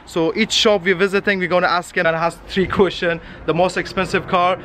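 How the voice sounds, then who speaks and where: Faint street noise surrounds a young vlogger in his twenties as he walks an outdoor car lot, camera held at arm's length, chatting in non-native English and pointing out cars. His high-pitched, slightly bright voice stays level and runs a little fast.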